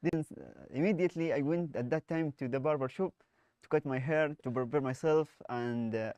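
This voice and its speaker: A young man, a university student, telling stories softly and hesitantly as a talk show guest. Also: on the high side, fairly quick, smooth, no room sound. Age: young adult. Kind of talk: casual interview storytelling.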